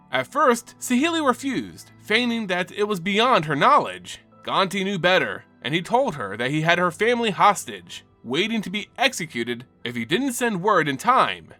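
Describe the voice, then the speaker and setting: Over background music, a narrator for a lore channel reads a fantasy story with dramatic, theatrical flair. His voice is high-pitched, pushed and bright.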